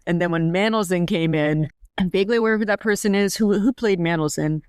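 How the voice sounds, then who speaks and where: Forties woman co-host, gushing casual chat, smooth clear tone, dry close mic. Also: on the low side, a little fast, darkish tone, no echo. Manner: gushing and rambling, many fillers. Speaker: podcast co-host.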